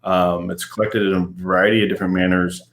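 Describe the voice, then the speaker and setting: A low-pitched man speaks as a guest in a casual business interview. He explains at length in a relaxed way, filling pauses with "um" and "you know". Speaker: guest, company CEO.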